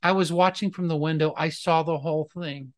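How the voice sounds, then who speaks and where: A man voicing a kind, forgiving old grandmother in a sermon story, speaking gently and knowingly. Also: fairly high pitch, steady tone, brisk, no room sound, natural voice. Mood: gentle.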